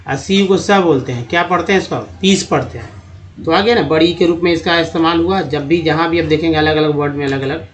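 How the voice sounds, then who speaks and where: A man teaching a spelling lesson, sounding out letters slowly, repeating words and calling his viewers friends. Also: fairly high pitch, rough recording.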